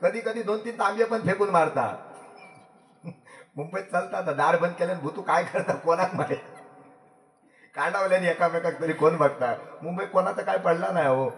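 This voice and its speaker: A man's voice: high voice, normal speed, gravelly, a bit bright. A man with a Malvani Marathi accent telling a comic story on stage, teasing and repeating his punchlines. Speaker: bhajan singer and storyteller. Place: performance hall. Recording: echoey hall with faint music.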